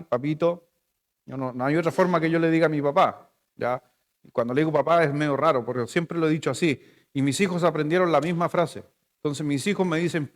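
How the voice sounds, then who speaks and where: Chilean pastor preaching, high voice. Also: male voice, big-room sound. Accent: Chilean Spanish. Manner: conversational, playful storytelling with the congregation. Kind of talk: sermon. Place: church hall.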